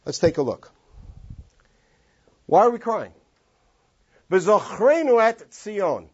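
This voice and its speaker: A man's voice: high-pitched, slow, husky. A man teaching a classroom text study, drawing out phrases in long sung tones. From Los Angeles. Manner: animated, sings out phrases in long drawn tones. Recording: dull lo-fi classroom recording.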